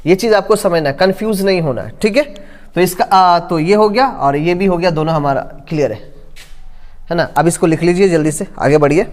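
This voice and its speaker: A man's voice: high-pitched, moderate pace. A man teaching a grammar lesson. He draws vowels out to demonstrate them and keeps checking in with "ठीक है". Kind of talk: classroom-style grammar lesson. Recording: long echoing reverb in a room.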